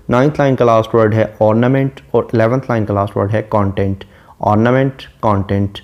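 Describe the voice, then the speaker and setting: A man lecturing on a poem, reading each line slowly and then explaining it in steady, methodical detail. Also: mid-range voice. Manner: reads verse slowly, then explains at length. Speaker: literature lecturer.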